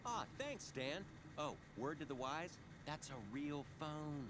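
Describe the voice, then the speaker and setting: Bookish cartoon coworker guy, dry, a bit high, animated, noise behind. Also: slow pace. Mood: wry.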